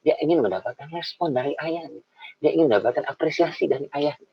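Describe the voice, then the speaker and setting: A middle-aged man with a gravelly, husky voice talks to parents in a relaxed, conversational way. He swings his tone up and down, slipping into short impressions of children and parents. The recording sounds dull and lo-fi. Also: on the high side, quick pace, no echo. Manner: lively, acts out child and parent voices, addresses mothers often. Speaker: parenting speaker. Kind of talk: informal talk to parents.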